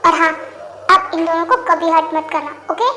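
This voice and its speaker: A woman voicing a stern elderly grandfather who lectures his grandsons calmly. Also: very high-pitched, normal speed, echoey room, voice pushed down. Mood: lecturing. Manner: calm, lecturing. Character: stern elderly grandfather, scheming but kind.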